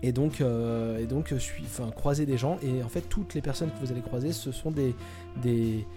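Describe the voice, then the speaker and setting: A man's voice: medium pitch, moderate pace, over music. A man hosting a casual podcast chat, talking hesitantly with lots of fillers and restarts. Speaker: podcast host presenting a topic.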